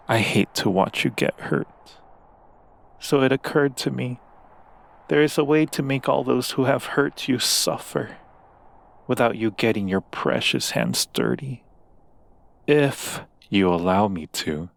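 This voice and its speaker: A man plays an obsessive demon prince in human form for an ASMR roleplay. His low, slow, deliberate voice carries vocal fry as he seduces with tender menace.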